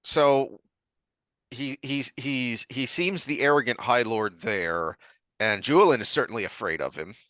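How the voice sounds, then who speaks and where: A man speaks slowly in a bright, forceful tone, halting and searching for words. He sounds like a podcast co-host in easy chat. The sound is dry and close. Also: medium pitch, no room sound. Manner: thoughtful, halting with many ums and restarts. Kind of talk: casual chat.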